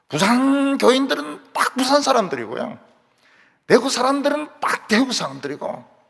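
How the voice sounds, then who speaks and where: A male pastor with a Gyeongsang accent preaching a sermon in a church, telling stories in an animated way and acting out the voices he quotes. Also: high-pitched, gravelly, slightly rough. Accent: Gyeongsang Korean. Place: church sanctuary. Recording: reverberant church hall.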